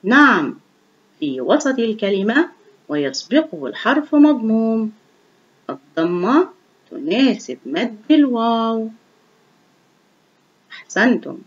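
A woman teaches young children to read, sounding out each letter slowly and clearly. Her voice rises and falls a great deal as she praises and encourages them. The recording is dull and lo-fi. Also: fairly high pitch, big pitch swings. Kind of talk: online reading lesson for young children.

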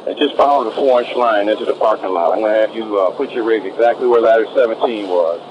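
A man commanding a fire scene as chief over two-way radio, giving urgent, terse orders with hesitant pauses. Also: on the low side, muffled recording. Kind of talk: urgent firefighter radio communication. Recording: noisy fireground radio transmission.

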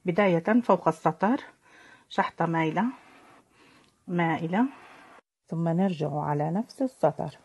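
Female preschool teacher, fairly low husky voice, slow, drawn-out phonics delivery. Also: darkish tone. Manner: slow, drawn-out letter sounds for young children. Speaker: kindergarten Arabic teacher. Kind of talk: recorded preschool phonics lesson.

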